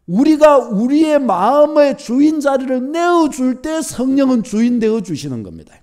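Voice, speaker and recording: A male pastor with a Gyeongsang Korean accent preaches emphatically in a very high, mellow voice. He repeats his points and draws on homely everyday examples.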